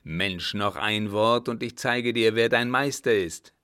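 A man's voice: on the low side, a little slow, pushed and bright, smooth. A man doing a harsh, menacing old captain. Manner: hard, commanding, menacing. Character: harsh, threatening old sea captain, male.

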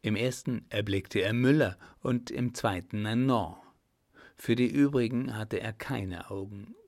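Slow gravelly male narrator. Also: medium pitch, darkish tone, dry recording, studio quality. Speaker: audiobook narrator. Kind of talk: scripted narration.

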